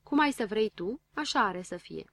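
A woman reading the lines of a tender middle-aged male doctor, speaking quietly and measuredly. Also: mid-range voice, animated, dry recording. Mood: hushed.

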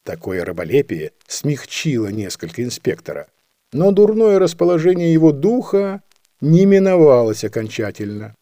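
A man narrating a classic story aloud with expressive delivery. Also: fairly high pitch, normal speed, no echo, studio quality. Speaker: audiobook reader. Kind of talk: scripted narration.

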